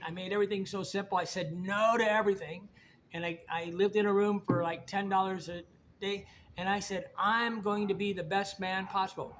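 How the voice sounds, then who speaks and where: Rambling middle-aged man, high voice. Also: a bit bright, slight background noise. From Indiana, United States. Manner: rambling, repeats himself, folksy and blunt. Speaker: vlogger. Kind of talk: casual monologue to camera.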